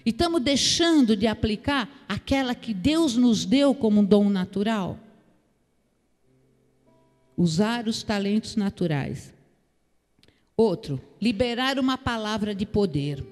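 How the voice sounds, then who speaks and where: A woman's voice: mid-range voice, animated, slow, pauses often, a little mellow, soft background music. A woman pastor with a Brazilian accent, preaching a sermon with emphatic rhetorical questions to the congregation. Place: church hall. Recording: long church hall reverb.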